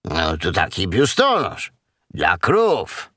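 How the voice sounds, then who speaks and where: A man voicing a quick, know-it-all young fox in a storybook reading. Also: deep voice, huge pitch swings, pushed and bright, no room sound, clean studio sound, voice pushed down, full character voice. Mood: explaining. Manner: quick, explaining.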